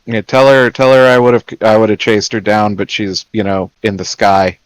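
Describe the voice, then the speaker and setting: A man speaks casually as a player in a tabletop game, with a hesitant delivery. His voice is very low and the sound is dry. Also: little pitch movement, moderate pace, smooth, dry recording, rough recording. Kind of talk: tabletop role-play.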